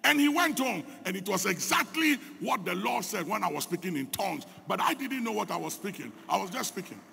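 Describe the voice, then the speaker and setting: A Ghanaian man preaching a fervent sermon as pastor, his delivery swelling into shouts, in an echoey church hall. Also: high voice, sing-song, fairly quick, gravelly, faint music behind.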